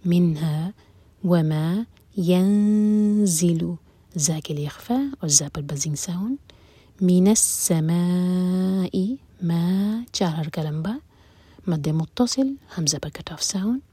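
A woman teaching Quran recitation rules, reciting verses slowly and drawn out, then explaining quickly in a soft, breathy, often whispered voice. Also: deep voice, animated, no room sound. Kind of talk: tajweed lesson, recite and explain.

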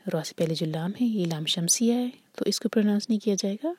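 A woman teaching tajweed, reciting words slowly and drawn out, then explaining the rules in a soft, often whispery voice. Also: medium pitch, breathy edge, no echo. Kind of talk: tajweed lesson, slow demonstrations then explanation.

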